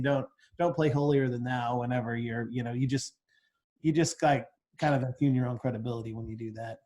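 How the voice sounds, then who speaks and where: A man co-hosting a casual law podcast, telling courtroom stories and acting out his cross-examination. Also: mid-range voice. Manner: animated, acts out courtroom questioning. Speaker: family law attorney, podcast co-host. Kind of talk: casual storytelling chat.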